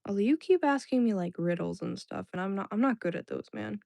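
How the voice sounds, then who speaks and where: A young livestream host whose first language was Indonesian chats casually with her live chat viewers, rambling and filling her talk with "like"s and restarts. Her medium-pitched voice is animated, fairly quick, gravelly and mellow, on a dry recording.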